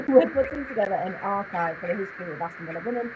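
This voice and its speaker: A woman's voice: medium pitch, lively intonation, fast talker, background noise. A woman co-hosting a casual podcast over a call, her voice muffled and hollow as if inside a fishbowl, chatting with lots of ums and restarts. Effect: muffled, hollow sound as if inside a fishbowl. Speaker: podcast co-host.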